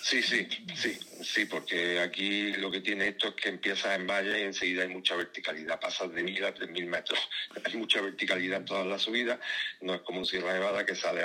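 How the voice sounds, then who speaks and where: Man, very deep pitch, sharp bright tone, halting with restarts, expedition interview. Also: slightly rough. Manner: hesitant, many restarts and fillers. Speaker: mountaineer on expedition. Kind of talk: phone-in interview.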